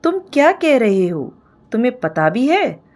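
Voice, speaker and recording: A woman voicing a young married woman who is hurt and quick to anger, speaking sharply in a storybook reading. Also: on the high side, lively intonation. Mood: shocked. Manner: sharp, raised voice when angry.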